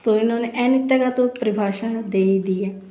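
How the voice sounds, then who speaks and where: A woman with a fairly high, mellow voice explains points of Sanskrit grammar in a lecture for exam preparation. She keeps asking herself questions and then answering them. The room around her rings with echo. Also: steady tone, normal speed. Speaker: Sanskrit teacher.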